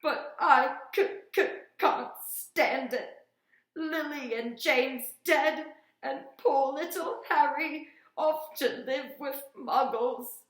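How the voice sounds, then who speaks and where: A woman's voice: sits high, takes it slowly, fairly bright tone, reverberant, pitched above the performer's own voice. Woman doing a sobbing, stammering giant man. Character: big tearful male half-giant groundskeeper.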